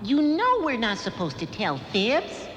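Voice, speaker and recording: A man's voice: very high-pitched, a little slow, a little hiss or hum, full character voice. A man voicing a small, prim male bat sidekick with a prissy, sing-song manner, heard as a film clip. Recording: animated film soundtrack with reverb and music.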